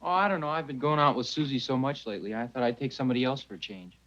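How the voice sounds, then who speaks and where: A man's voice: mid-range voice, rapid-fire, a bit bright, close to an everyday voice. An actor playing an earnest, polite young college man in a 1950s sitcom, easily flustered by his family. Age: young adult. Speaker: son. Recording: dull lo-fi 1950s TV soundtrack.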